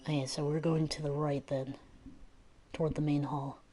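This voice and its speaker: Low-voiced woman reading a game aloud. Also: flat delivery, normal speed, noisy background. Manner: casual, reads text then chats. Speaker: let's play narrator. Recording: game music playing underneath.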